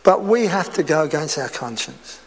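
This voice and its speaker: A man's voice: fairly high pitch, animated, moderate pace, slight background noise. A man preaching a sermon to a congregation in a casual, conversational way, with chatty asides and humor. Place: church hall before a congregation. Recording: reverberant hall.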